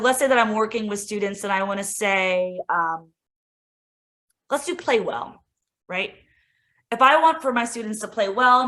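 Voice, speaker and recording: With a mid-range, slightly bright voice, a woman instructional coach runs a casual, enthusiastic screen-share tech demo for teachers. She's chatty, peppering everything with "like" and "right?".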